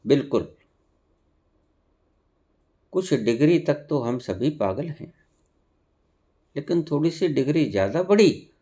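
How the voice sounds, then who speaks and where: A man giving a spiritual discourse, preaching slowly with sudden emphatic rises. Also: mid-range voice, mellow. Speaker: spiritual teacher.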